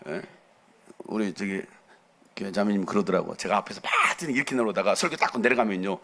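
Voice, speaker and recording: A middle-aged man preaching a lively, theatrical sermon to young people as a pastor. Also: lowish voice, fast talker, slight background noise. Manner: animated, theatrical, acts out quotes and jumps around.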